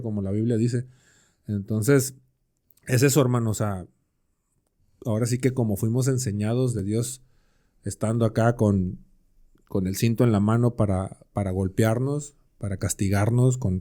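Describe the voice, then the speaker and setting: Mellow-voiced man. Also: fairly low pitch, moderate pace. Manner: explains with everyday examples and rhetorical questions; slangy, conversational. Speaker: podcast co-host. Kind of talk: casual Bible study chat.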